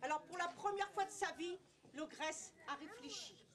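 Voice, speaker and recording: A woman storyteller telling a folk tale live at a festival night, lively, with playful asides to listeners. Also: very high voice, moderate pace. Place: festival night of tales outdoors.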